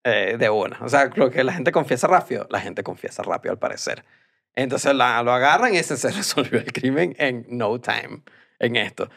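Gravelly Venezuelan man recounting a case. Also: mid-range voice, expressive, a bit bright. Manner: halting, many fillers and restarts while retelling. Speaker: podcast co-host. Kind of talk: casual chat, recounting a case.

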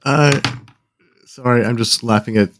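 A man hosting a casual gaming podcast, talking in halting starts and reading listener lists aloud. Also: mid-range voice, fairly even intonation, noisy background. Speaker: podcast host.

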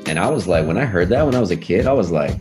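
A young American man, a podcast guest, tells personal stories in a casual, reflective conversational way, often dropping in filler phrases like "you know." His voice is low, animated, racing and a little mellow, with faint music in the background.

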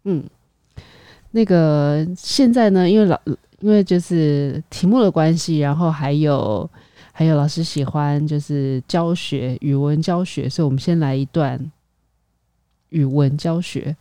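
A woman co-hosting a casual podcast, soft-spoken and teasing. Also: deep voice, a little slow, clean tone, no echo. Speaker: podcast co-host. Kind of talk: casual chat.

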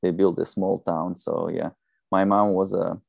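A man in his thirties from Belarus with a Belarusian accent, a non-native English speaker chatting as a podcast guest in a halting, rambling way. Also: sits low, little pitch movement, vocal fry, a little mellow, dry recording, clean studio sound. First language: not English. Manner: halting, rambling, often saying "you know". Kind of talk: casual conversational interview.

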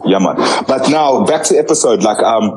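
A young man from Zambia hosting a casual interview, talking in halting bursts with many restarts and fillers. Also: medium pitch, lively intonation, a little mellow, low-quality recording. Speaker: interviewer and music producer.

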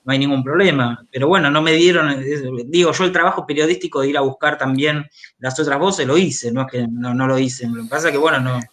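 This man, an Argentine-accented author, journalist and biographer, is interviewed by remote video call. His medium-pitched voice is fairly bright and quick, and he talks conversationally, hesitating and repeating words as he goes.

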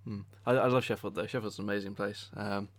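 A man's voice: on the low side, fairly even intonation, fast. A man hosting a podcast in a casual, jokey, rambling and hesitant way. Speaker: podcast host. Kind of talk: casual chat interview.

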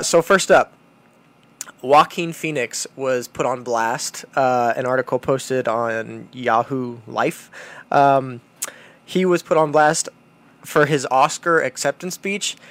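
A man hosting a podcast with casual commentary, halting and rephrasing as he goes. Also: medium pitch. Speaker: podcast host.

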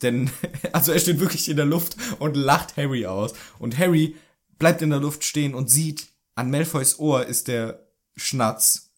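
A man's voice: fairly high pitch, measured pace. Playful male podcast host retelling a story. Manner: playful, acts out quoted lines with put-on voices. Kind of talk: casual chat retelling a book.

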